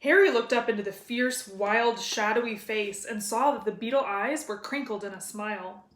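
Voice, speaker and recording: A woman's voice: on the high side, normal speed, a bit bright. A woman narrating a children's story as a read-aloud. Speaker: reader of a children's novel. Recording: roomy echo.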